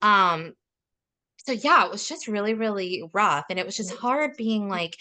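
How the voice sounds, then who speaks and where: A woman co-hosting a podcast with a bright, clear voice at a middle pitch. She chats casually, wanders through her sentences and leans on "like". She laughs often between thoughts. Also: expressive, a little slow. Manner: rambling, fills with "like", laughs often. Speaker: podcast co-host. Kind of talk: casual conversational chat.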